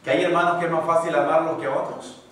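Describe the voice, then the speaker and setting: A man's voice: fairly high pitch, fairly even intonation, fast talker, far from the mic. Preaching man in a very echoey hall. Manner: call-and-response preaching; swings from loud exclamations to hushed asides. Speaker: pastor. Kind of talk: sermon. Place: church hall.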